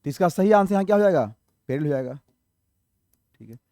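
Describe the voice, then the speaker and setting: High-pitched, dark-toned and expressive, he talks at a quick pace in a clean studio recording with no room sound. He's teaching exam vocabulary in English, explaining each term, spelling some letter by letter, and answering his own questions to viewers.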